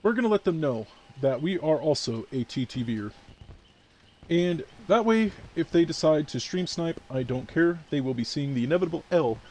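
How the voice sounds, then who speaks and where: Yawning and worn out, a man comments on his live game stream, boasting and tossing playful trash talk at chat. His fairly high, darkish voice is expressive and moves at normal speed.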